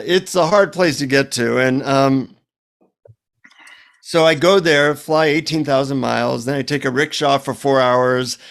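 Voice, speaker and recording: A man, a psychotherapist and author, telling humorous stories in a casual interview. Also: mid-range voice. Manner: lively anecdotal storyteller, humorous asides.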